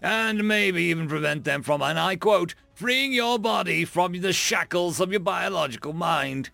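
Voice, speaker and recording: A man voicing a brisk male military weapons instructor with a barking, commanding manner in a sci-fi audiobook. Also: sits high, expressive, gravelly, bright, forceful tone, dry recording, soft background music, pitched above the performer's own voice, full character voice.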